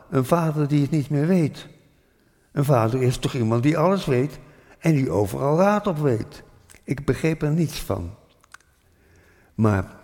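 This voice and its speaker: An older man from Rotterdam telling a childhood memory in a thoughtful, unhurried way, pausing with hesitant fillers. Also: mid-range voice, warm tone. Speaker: storyteller. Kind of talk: reflective spoken memoir. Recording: long hall reverb.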